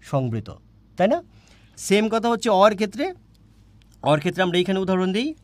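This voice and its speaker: A man's voice: sits high, very animated, normal speed, dry recording. A man teaching a grammar class online, repeating points and asking questions he answers himself. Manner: repetitive, asks questions and answers them himself.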